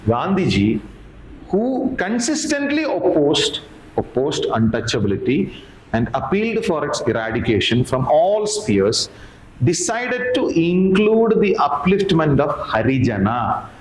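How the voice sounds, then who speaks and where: A middle-aged man with an Indian accent, a history teacher, gives an informal lecture analyzing exams, emphatically repeating phrases and answering his own questions. His medium-pitched voice is very animated but unhurried. The room echoes, and background noise is clearly audible.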